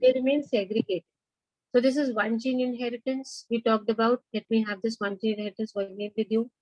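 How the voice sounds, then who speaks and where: A woman's voice: a little high, steady tone, fairly quick, a little mellow, no echo. A woman with an Indian accent teaching as a biology teacher, mixing English and Hindi and prompting students with questions. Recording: dull, band-limited lo-fi audio.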